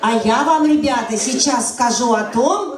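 Female kids' event host, high-pitched, heard from a distance in a busy hall. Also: moderate pace. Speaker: children's party host. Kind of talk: live event hosting, addressing children. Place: banquet hall, indoors. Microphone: handheld microphone through speakers, filmed from afar. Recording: echoey hall, distant camera, crowd noise.

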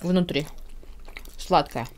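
A woman's voice: on the low side, takes it slowly, a little mellow. A woman vlogging a mukbang, talking with her mouth full as she explains each dish between bites. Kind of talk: casual mukbang chat.

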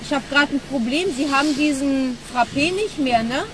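This vlogger has a high voice and talks at normal speed, keeping things casual and loose in an informal car vlog. The setting is a small car, with a dashboard camera at arm's length and loud car noise.

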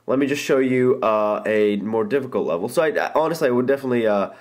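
A man's voice: mid-range voice, expressive, fast, darkish tone. A young man casually walking through a phone game as an app reviewer, enthusiastic and rambling, with many ums and restarts. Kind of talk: casual gameplay walkthrough. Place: indoor room, filming a phone screen.

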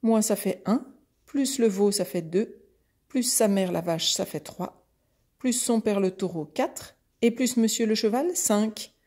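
Cheeky little storybook goat, sing-song counting, soft breathy tone, voiced by a woman. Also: medium pitch, unhurried, lightly acted. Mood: playful. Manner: chanted counting. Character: clever cheeky little female goat kid.

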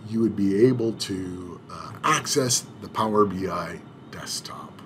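An IT administrator with a fairly low voice narrates a screen-recorded tutorial on setting up software. He speaks slowly and hesitantly, with many filler sounds and restarts, and there's a little hiss or hum in the audio.

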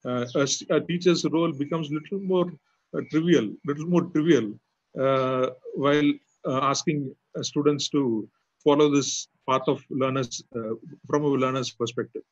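A man, answering questions in a webinar as an architecture lecturer, pausing often with fillers and restarts. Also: a little high, steady tone, no room sound. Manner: hesitant, many fillers and restarts. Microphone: video call mic. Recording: muffled lo-fi webinar audio.

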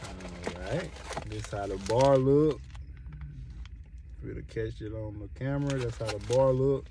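A man's voice: lowish voice, unhurried, noisy background. Laid-back man reviewing snacks. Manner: laid-back, chatty, repeats himself, chuckles often. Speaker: food reviewer. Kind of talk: casual product review vlog.

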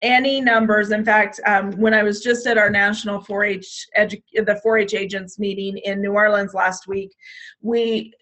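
A state 4-H program leader with a fairly bright, mid-range voice gives an online orientation to youth program staff, speaking at normal speed in a level tone. She talks conversationally with frequent ums and restarts, and her tiring voice is starting to give out.

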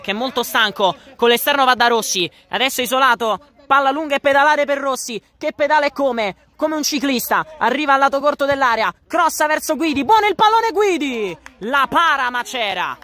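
A man giving excitable, breathless live football commentary. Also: very high-pitched, a little fast, few pauses. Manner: excitable, breathless running goal-action commentary. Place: outdoor floodlit football ground at night.

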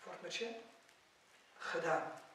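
A man preaching in a mosque, telling a story and acting out the quoted figures with sudden rises and drops in loudness. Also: high-pitched, slow. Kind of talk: mosque lecture. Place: mosque hall. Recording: very echoey hall, distant mic.

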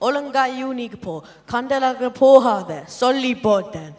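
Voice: high-pitched, a little slow, a little mellow. A young actor playing a fussy, nagging middle-aged mother in an amateur stage play, chiding in a Sri Lankan Tamil accent. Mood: fussing. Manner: chiding, fussing.

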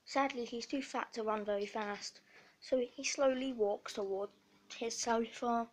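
A woman's voice: fairly high pitch, a little slow, a little hiss or hum. Playful woman doing mock nature narration. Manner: playful deadpan documentary parody. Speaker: vlogger narrating her dog. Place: at home indoors.

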